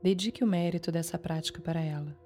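Over soft background music, a Brazilian woman guides a meditation in a lowish voice. She speaks short phrases in a calm, soothing way, separated by long pauses.

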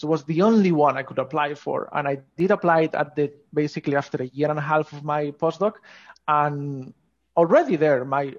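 The voice is fairly high and the recording muffled. It's a Spanish-accented scientist from Asturias, northern Spain, talking informally and enthusiastically as a podcast guest in a conversational interview.

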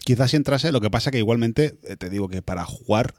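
A man's voice: mid-range voice, animated, quick pace, a little mellow, no room sound, studio quality. A man from in casual podcast chat, asking questions and telling stories. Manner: questioning, storytelling. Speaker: podcast co-host.

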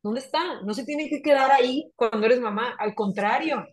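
A middle-aged Mexican woman with a Mexican accent, telling stories in a lively casual chat and acting out quoted voices. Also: fairly high pitch, moderate pace. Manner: animated, acts out quoted voices.

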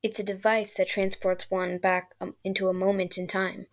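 Brief: woman reading as a cryptic old British time traveler, dry and sarcastic, gravelly. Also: medium pitch, flat delivery, moderate pace, natural voice. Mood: mysterious.

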